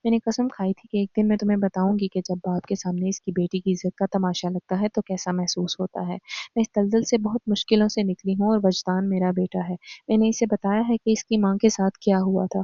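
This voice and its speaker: A woman voicing a cold, bitter, vengeful middle-aged woman who speaks in a flat, icy tone in a storybook reading. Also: medium pitch, no room sound, highs cut off, natural voice. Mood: accusing.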